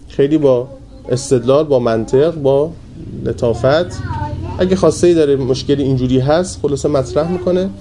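A man preaching a sermon in a colloquial storytelling manner. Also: a little hiss or hum. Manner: colloquial storytelling with lively pitch swings.

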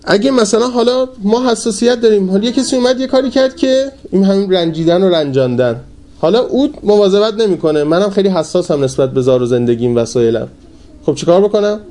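Mellow-voiced man preaching a sermon. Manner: colloquial storytelling with lively pitch swings.

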